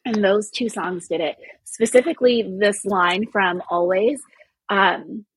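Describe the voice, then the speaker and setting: A woman from California, a podcast guest telling animated personal stories in casual chat. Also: medium pitch, unhurried, husky, dry recording, rough recording. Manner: animated, expressive storytelling.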